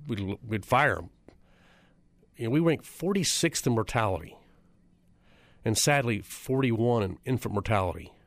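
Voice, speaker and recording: On a dry recording, a mid-range male voice belongs to a middle-aged chiropractor from the United States. Speaking publicly, he hammers home figures by repeating them and tosses rhetorical questions at his listeners.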